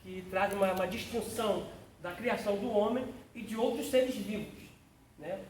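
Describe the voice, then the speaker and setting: A man's voice: high voice, normal speed. A man, a pastor teaching a theology class in a fervent, exclamatory preaching style and calling on listeners by name. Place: church classroom. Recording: roomy, distant mic, faint noise.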